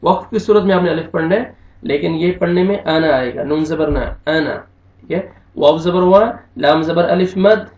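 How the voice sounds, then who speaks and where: A man teaching Quranic recitation, spelling out each syllable slowly and drawing out the recited words. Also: fairly high pitch, darkish tone. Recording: echoey, distant, dull lo-fi room sound.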